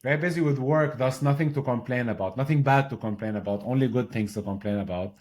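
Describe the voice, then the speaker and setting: An energetic young man from Lebanon, speaking in a mid-range voice as a podcast guest. He explains technical ideas step by step in a casual, conversational way, often checking in with a quick "right?". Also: medium pitch. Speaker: podcast guest, blockchain consultant. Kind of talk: casual explanatory interview talk.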